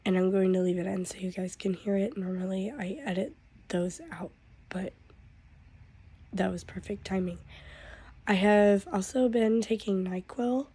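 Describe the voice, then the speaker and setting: Sick lady vlogging, hoarse voice, slow and flat. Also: mid-range voice. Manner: drawn-out, weary talk with a cough. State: hoarse from losing her voice; stuffed up with a cold. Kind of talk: casual vlog update.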